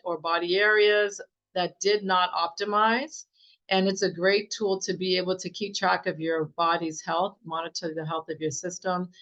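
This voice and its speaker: A woman giving a casual, enthusiastic software demo as a naturopath, with many fillers and restarts and a slightly strained voice. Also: lowish voice. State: slightly losing her voice. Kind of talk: casual screen-share product demo. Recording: dull, muffled sound.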